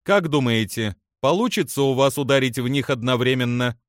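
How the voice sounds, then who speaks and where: A man voicing a stern, commanding female alien admiral who gives crisp, decisive orders. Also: very deep voice, moderate pace, no room sound, studio quality.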